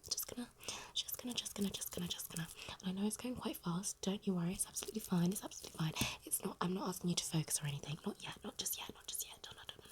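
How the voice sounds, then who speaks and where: A British woman in a breathy, close-up whispered role-play, doing fast aggressive ASMR and rambling with rapidly repeated short phrases. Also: mid-range voice. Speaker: ASMR creator. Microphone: very close microphone.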